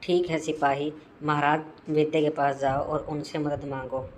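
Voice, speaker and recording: Woman playing a calm cartoon king, deep for a female voice, formal, reassuring, faint noise. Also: normal speed, close to an everyday voice. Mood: calm authority. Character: calm, reassuring male king granting help. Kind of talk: cartoon story acting.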